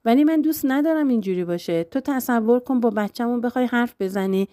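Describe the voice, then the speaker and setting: A woman voicing an affectionate, teasing young husband in a novel reading, gentle but firm and playful. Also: on the high side, dry recording, clean studio sound, pitched above the performer's own voice, natural voice.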